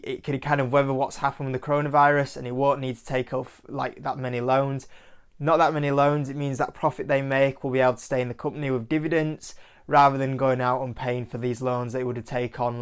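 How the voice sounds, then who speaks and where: This Yorkshire man hosts his own investing channel, chatting loosely to camera about stock picks. His medium-pitched voice stays fairly flat in pitch, and he talks quickly and smoothly, leaning on "like" and "kind of."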